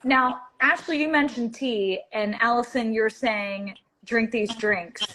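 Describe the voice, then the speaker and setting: A woman hosting a casual live-stream chat, bubbly and chatty and quick to laugh. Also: a little high, bright, forceful tone, a little hiss or hum. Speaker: host of a live wellness chat.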